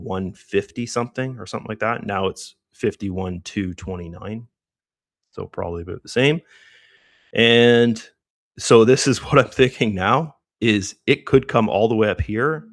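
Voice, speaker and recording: Hoarse and low-pitched, this middle-aged trading livestream host is clearly losing his voice while he meanders through casual market talk packed with fillers. There's no room sound, just clean studio audio.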